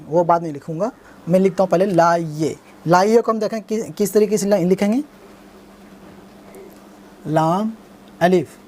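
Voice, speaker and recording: Patient man spelling out letters slowly. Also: high-pitched, a little mellow, slight background noise. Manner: spells out letters one by one and asks himself "what does it become?"; patient, repetitive explaining. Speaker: Urdu writing teacher. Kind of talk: step-by-step writing lesson.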